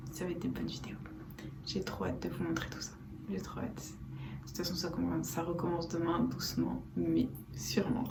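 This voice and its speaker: Gravelly, low-voiced woman vlogging from her bedroom. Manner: soft-spoken, rambling, repeats herself. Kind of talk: casual chat to camera. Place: bedroom at home, indoors. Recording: echoey room with background noise.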